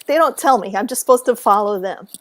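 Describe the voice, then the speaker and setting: A woman telling a story to camera in a relaxed, animated way, acting out what people said and laughing along the way. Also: mid-range voice, fast talker. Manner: animated, acts out quotes, laughs often. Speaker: author and speaker. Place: at home.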